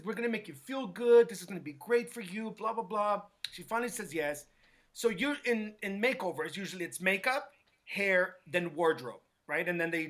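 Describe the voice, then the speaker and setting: A man, a hairstylist guest, telling a story in an animated way and acting out what others said. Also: high-pitched. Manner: acts out quotes with lively voices, many restarts.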